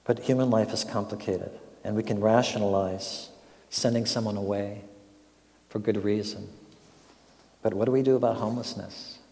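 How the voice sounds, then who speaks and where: A man's voice: fairly low pitch, steady tone, moderate pace, darkish tone, long reverb tail. An older man preaching a sermon as a pastor, telling a story and asking reflective questions.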